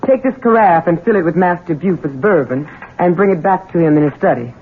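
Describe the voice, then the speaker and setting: A woman's voice: on the low side, lively intonation, fairly quick, narrow, tinny audio, lightly acted. An actress playing a loyal, knowing Southern housekeeper and mother in a 1970s radio drama, folksy and deferential to her master. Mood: wry. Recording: band-limited, noisy old radio recording.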